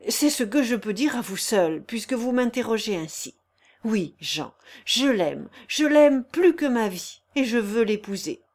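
A woman's voice: mid-range voice, lively intonation, normal speed, a little mellow, lightly acted. A woman reading the lines of an earnest, embarrassed young man in love, in an audiobook.

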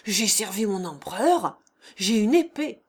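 A woman's voice: medium pitch, sing-song, unhurried, husky. A woman reading aloud and voicing a pompous, indignant old general who insists on his honor. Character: stiff proud old general, dead man.

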